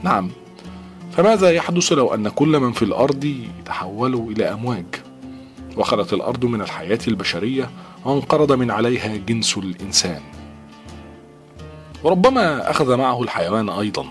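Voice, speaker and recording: A man narrating an audiobook novel in a measured, dramatic reading style. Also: medium pitch, lively intonation, soft background music.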